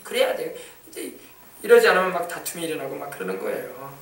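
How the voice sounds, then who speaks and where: A man preaching from the pulpit in a high, rapid voice, stressing words and shouting hallelujah between points. The sound comes from a distance in an echoey church hall. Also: sing-song. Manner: emphatic, repetitive, calls out hallelujah. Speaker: pastor. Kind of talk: sermon. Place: church sanctuary.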